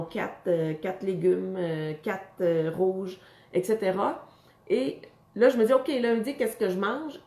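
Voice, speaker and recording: A woman's voice: medium pitch, dark tone, echoey room. A woman with a Quebec French accent, a fitness coach giving casual advice, chatty and full of fillers and restarts. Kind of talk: casual talk to camera.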